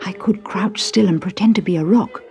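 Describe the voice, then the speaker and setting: A woman voicing a frightened male lizard in a storybook, speaking in a hushed whisper. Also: medium pitch, moderate pace, lo-fi sound, soft background music, close to an everyday voice. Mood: fearful.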